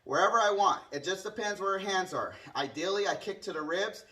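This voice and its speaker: Man teaching martial arts, bright, distant mic. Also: sits high, expressive, fairly quick. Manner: punctuates explanations with short strike sounds and counts. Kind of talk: hands-on demonstration teaching, casual explanation. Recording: distant microphone.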